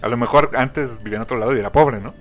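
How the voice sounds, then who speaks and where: A man's voice: mid-range voice, rapid-fire, faint music behind. A man co-hosting a casual comic review chat, laughing often and chiming in with joking asides. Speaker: podcast co-host.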